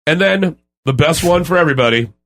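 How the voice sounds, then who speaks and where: A man's voice: fairly high pitch, expressive, a little fast, fairly bright tone. A man co-hosting a podcast in casual, joking chat with friends. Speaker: podcast co-host.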